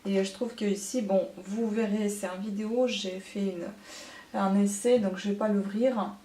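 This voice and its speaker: A woman's voice: medium pitch, fairly even intonation, a little slow, mellow. Woman beauty vlogger, casual haul chat, hesitant fillers, echoey room. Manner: chatty, many hesitant fillers.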